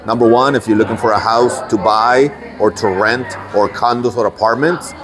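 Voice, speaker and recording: A man's voice: medium pitch, fairly even intonation, moderate pace, over music. A man hosting a casual vlog, chatting easily and teasing, at an outdoor restaurant. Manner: easygoing, teasing. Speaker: vlog host. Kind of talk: casual chat and to-camera intro.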